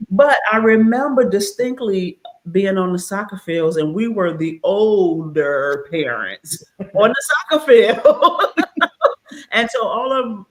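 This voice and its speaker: A woman's voice: mid-range voice, low-quality recording. Laughing fifties woman hosting a chat. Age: 50s. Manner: lively, laughs often, playful asides. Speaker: host. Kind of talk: casual chat.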